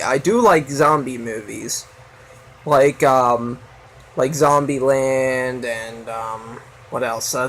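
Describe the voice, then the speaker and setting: A man with a fairly high, somewhat bright voice hosts a casual video chat, rambling along with lots of fillers like "so yeah." The recording is rough.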